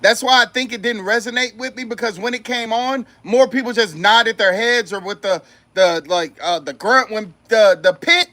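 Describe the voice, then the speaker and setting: A man's voice: high voice, normal speed, pushed and bright. A man hosting a casual livestream chat, a comedian who jokes around and swears freely as he tells stories. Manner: loose, joking, swears freely.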